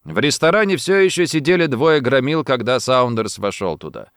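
A man narrating a thriller audiobook in an expressive storytelling manner. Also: mid-range voice, moderate pace, clean tone, no echo, studio quality.

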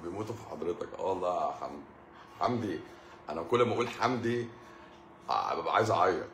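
A man's voice: sits low, animated, very fast, fairly bright tone, reverberant, slight background noise. A middle-aged man with an Egyptian Arabic accent, a doctor chatting casually with live-stream viewers, telling jokey stories and laughing often. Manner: joking storyteller, laughs often.

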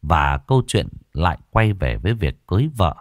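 A man narrating a ghost story in an expressive, dramatic way. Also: low-pitched, normal speed, no echo, clean studio sound.

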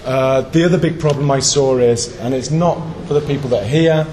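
An English man, an interpreter, giving feedback in a group discussion, pausing with many ums as he thinks aloud. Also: medium pitch, darkish tone, a little hiss or hum. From England. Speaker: conference interpreter.

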